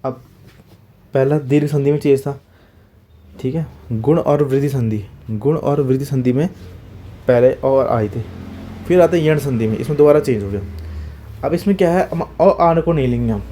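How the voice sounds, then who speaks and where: Medium in pitch and warm, the man speaks at a normal speed with long pauses, against a slight background noise. As a teacher leading exam-prep grammar, he breaks sounds down one by one, answers his own questions and checks in with "okay?" after each point.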